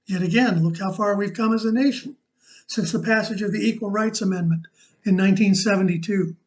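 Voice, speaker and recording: A man reading a reflective essay aloud in a measured, earnest way. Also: high-pitched, distant mic, low-quality recording. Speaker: commentator.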